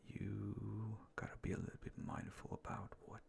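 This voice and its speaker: A man speaks in a breathy ASMR whisper, close on the mic. His voice is fairly low and full of gravelly creak. He rambles slowly and hesitantly, in a careful, self-effacing way. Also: level tone, darkish tone. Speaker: ASMR video maker. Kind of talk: whispered ASMR, casual rambling talk with a countdown. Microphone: close ASMR microphone with fluffy cover.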